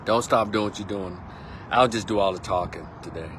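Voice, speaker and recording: A Texan man in his fifties talks through a relaxed, rambling monologue, full of slang and easy asides. He is recorded outdoors on a windy day, with a faint hum of traffic behind him. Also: on the low side, brisk. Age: 50s. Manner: chatty and rambling, laid-back slang. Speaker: vlog host. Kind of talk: casual monologue.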